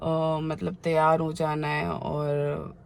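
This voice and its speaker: A woman's voice: low-pitched, flat delivery, takes it slowly, gravelly. A woman, chatting frankly and openly in a casual family vlog while feeling unwell. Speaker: family vlogger.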